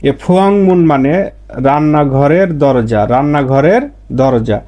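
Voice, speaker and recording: A man teaching Korean pronunciation rules, speaking slowly and repeating each example word with stress. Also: on the high side, mellow. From Bangladesh. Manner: slow, repetitive, stresses example words.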